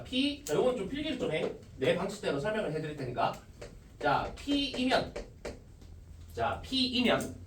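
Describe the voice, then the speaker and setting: High, lively man teaching in an echoey classroom. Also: slight background noise. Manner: starts nearly every phrase with "ja", explains step by step. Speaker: math teacher. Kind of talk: classroom lecture. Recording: echoey classroom, mic from a distance.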